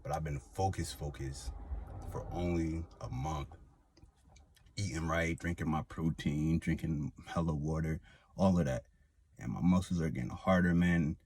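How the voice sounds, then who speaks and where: His pitch is extremely low, the tone darkish and breathy at the edges, and he goes a little slowly. The young vlogger, who has a slight lisp, tells a rambling personal story to camera with plenty of fillers and false starts.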